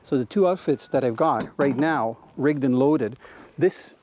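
A man's voice: mid-range voice, unhurried, darkish tone, slight background noise. A middle-aged man hosting a fishing show, explaining gear and technique outdoors by a lake with easy enthusiasm and a lot of "you know". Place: outdoors on a boat and dock by a lake.

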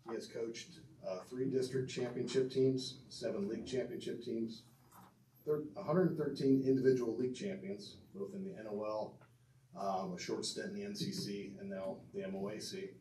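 A middle-aged man with a fairly low, mellow voice earnestly delivers a prepared tribute inducting his father into a hall of fame, reading notes at normal speed with fairly even intonation, stumbling occasionally and adding asides to the audience. His podium mic is heard through a far camera, so he sounds distant across a reverberant banquet room with a faint hum of room noise.

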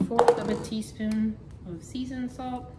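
A woman's voice: fairly high pitch, little pitch movement, a little slow, heavy background noise. A middle-aged woman chatting casually as she cooks in her home kitchen, thinking aloud as she works. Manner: chatty, talks while working, thinks aloud. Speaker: home cooking vlogger. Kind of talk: casual cook-along narration. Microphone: camera on counter. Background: clatter of dishes and pans.

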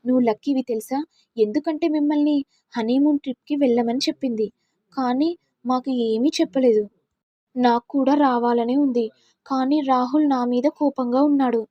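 A woman's voice: sits high, fairly even intonation, normal speed, dry recording, dull audio. A woman voicing a jealous, scheming young sister-in-law with mocking, sly asides.

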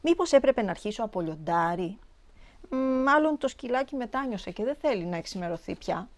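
A woman's voice: a little high, animated, lightly acted. Little boy voiced by a woman, musing, hesitant, storybook reading. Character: little boy, curious and unsure.

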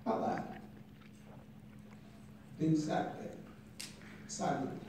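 A young man performing spoken word poetry at a stand mic in a classroom, building from quiet intensity to shouting, filmed from the audience. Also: extremely slow, a little hiss or hum. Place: classroom at a conference, indoors. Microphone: stand mic, filmed by a phone from the audience. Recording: echoey room from far off.

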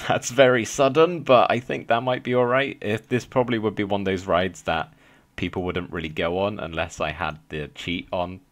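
Young male gaming host, low voice, slight lisp, chatty and rambling, thinks aloud with ums. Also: fairly even intonation, moderate pace. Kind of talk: casual let's play commentary.

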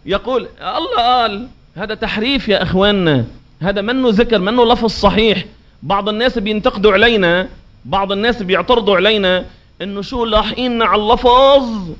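A man's voice: sits high, sharp tone. A man giving a religious lecture, emphatic and drawing out words to show pronunciation. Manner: emphatic, drawn-out demonstrations of pronunciation. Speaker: preacher. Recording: dull lo-fi recording.

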